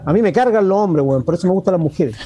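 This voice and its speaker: A man's voice: sits high, lively intonation, quick pace, warm tone, dull audio, a little hiss or hum. A man with a Chilean accent co-hosting a radio talk show, chatting casually, rambling and joking with slang. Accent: Chilean Spanish. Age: adult parent. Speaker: radio co-host.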